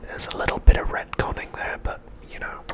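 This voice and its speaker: An episode recap is narrated by a man in ASMR-host fashion. He keeps to a breathy, unvoiced hush and delivers everything deliberately.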